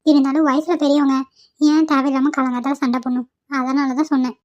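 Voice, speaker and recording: A woman voicing a mild, placating young wife in a cartoon, talking in a gentle, pleading way. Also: sits high, flat delivery, fairly quick, muffled recording.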